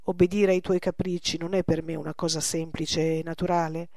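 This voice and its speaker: A woman's voice: on the low side, level tone, a little fast, darkish tone, dry recording, studio quality, natural voice. Give me an earnest, spirited young woman in love, read by a woman. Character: young woman, proud and devoted lover.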